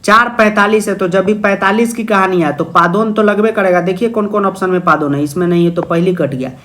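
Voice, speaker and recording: High-voiced playful Sanskrit tutor. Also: male voice, brisk, fairly bright tone. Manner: playful, jokey, asks questions then answers in a student's voice. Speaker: Sanskrit teacher. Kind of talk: exam-prep video lesson.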